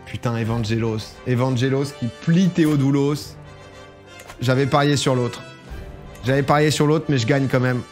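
A man's voice: mid-range voice, normal speed, darkish tone, faint music behind. A man casually commenting while he plays a strategy game, chatting and reading game text aloud. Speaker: gaming streamer. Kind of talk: casual let's-play commentary.

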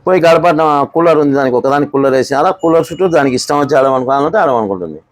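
A man, a bull owner and farmer, telling stories in an interview in a rapid rural way. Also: a little high, no echo. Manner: rapid rural storytelling, re-enacts quoted speech. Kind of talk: storytelling in an interview.

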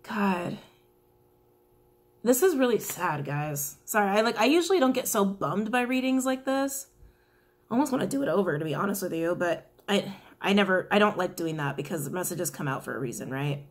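Reading tarot to camera in a small indoor room, a young woman speaks at a moderate pace in a raspy, mid-range, animated voice. Her casual reading is chatty and giggly, sprinkled with apologetic asides.

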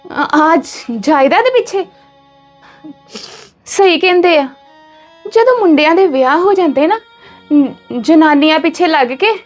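A woman with a Punjabi accent playing a devoted daughter who angrily scolds her brothers for how they have treated their mother. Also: very high voice. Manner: scolding, emphatic. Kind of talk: Punjabi family drama acting.

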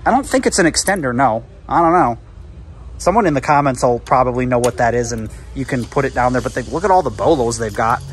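With store music playing in the background, a man narrates a casual handheld walkthrough of a big retail store, chattering, thinking out loud and getting impressed easily. He talks fast in an expressive, mid-range voice.

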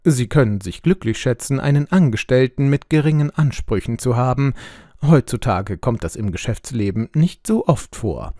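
A man voicing a sharp, lecturing middle-aged detective in an audiobook, explaining things precisely. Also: medium pitch, normal speed, no echo, studio quality, natural voice. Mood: wry. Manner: precise, explanatory, lively intonation. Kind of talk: audiobook role reading.

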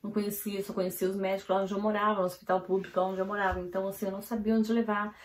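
A woman from Brazil, vlogging at home and telling a family story in a hurried, animated way, full of "então, assim" fillers. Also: medium pitch. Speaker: vlogger and mother. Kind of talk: casual storytelling to camera. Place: at home, indoors. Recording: roomy echo of a home room.

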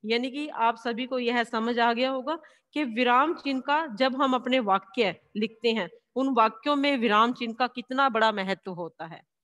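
A woman teacher giving a classroom lesson, explaining slowly and answering her own questions. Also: fairly high pitch, fairly bright tone, long reverb tail. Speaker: school teacher.

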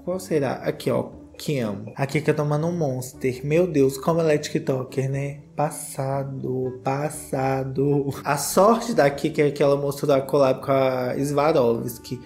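A man's voice: medium pitch, fairly even intonation, unhurried, few pauses, darkish tone. A Brazilian man hosting a casual, gossipy reaction commentary with campy, sassy asides. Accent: Brazilian Portuguese. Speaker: host. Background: faint guitar music.

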